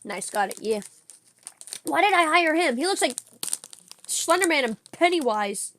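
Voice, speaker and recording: A young woman streaming a reaction video, chatting casually in an excitable, slangy way while snacking. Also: high voice, measured pace, slight background noise.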